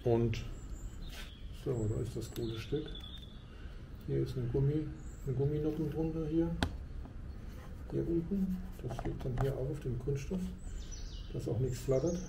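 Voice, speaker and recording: A man's voice: medium pitch, a little slow, creaky, pauses often. Chatty man vlogging from his motorbike. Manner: chatty, explaining hands-on. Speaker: motovlogger. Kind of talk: casual motorcycle vlog. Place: garage and riding outdoors on a motorcycle. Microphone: helmet camera mic. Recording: road and engine noise.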